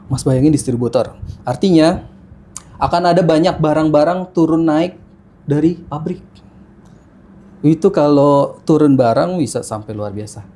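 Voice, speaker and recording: A man's voice: on the high side, unhurried, long pauses, mellow. A man in his thirties, a podcast guest telling his life story in casual chat, with many fillers and restarts. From Jakarta, Indonesia. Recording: faint background noise.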